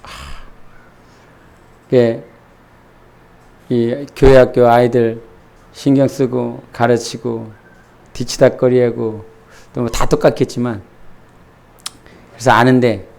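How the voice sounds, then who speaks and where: Gravelly middle-aged man preaching a sermon. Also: medium pitch, flat delivery, takes it slowly, pauses often, darkish tone. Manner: candid, self-deprecating storytelling with many restarts. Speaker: pastor. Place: church.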